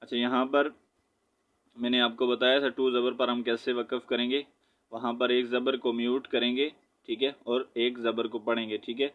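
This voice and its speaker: A man teaching Quran recitation, sounding out each letter and vowel slowly before blending the word, with quicker explanatory asides. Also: mid-range voice, little pitch movement. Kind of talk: slow spelled-out Quran recitation lesson. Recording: dull lo-fi audio.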